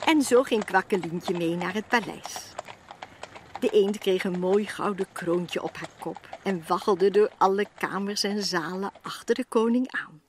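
A woman's voice: medium pitch, a little slow, a little hiss or hum. A woman storyteller giving scripted narration of a children's tale.

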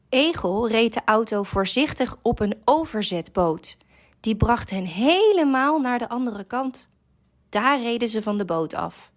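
Geef me een vrouw die rustig een kinderboek voorleest, met een levendige hoge stem. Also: female voice, a little high. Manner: slow, expressive, gentle. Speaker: storyteller. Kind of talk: children's story reading.

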